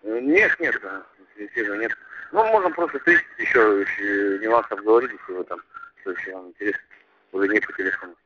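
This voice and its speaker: A man talking business casually over a landline phone, hesitant and halting, with vague answers. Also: on the low side, animated. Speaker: recruiter taking a phone enquiry. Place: on a telephone line. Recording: muffled landline phone call, noisy line.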